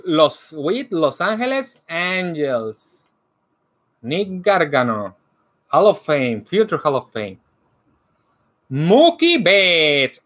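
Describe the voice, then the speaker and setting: A man hosting a card break, announcing each card by player and team in a slow, animated way. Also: fairly high pitch. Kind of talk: calling out cards during a live card break. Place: indoor room lined with card displays.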